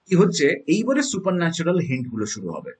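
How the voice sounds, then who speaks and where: Animated husky Bengali lecturer. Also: male voice, fast. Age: 30s. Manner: animated, swings pitch for emphasis, asks the class rhetorical tag questions. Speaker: college English literature lecturer. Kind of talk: spoken exam-prep literature lecture.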